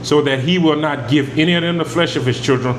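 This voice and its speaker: This fast-talking preacher has a voice on the high side. He reads verses aloud and then explains them in plain, emphatic words, recorded in an echoey space with air conditioning humming.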